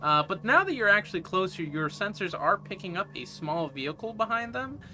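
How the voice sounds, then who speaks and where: A man's voice: high-pitched, big pitch swings, fairly quick, bright, forceful tone. A man narrating a tabletop game as game master, casual and rambling with lots of swearing.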